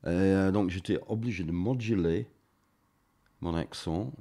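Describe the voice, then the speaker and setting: An English man, a native English speaker, giving a radio interview in French with an English accent, halting with many fillers and restarts. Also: deep voice, mellow. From England. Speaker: interview guest.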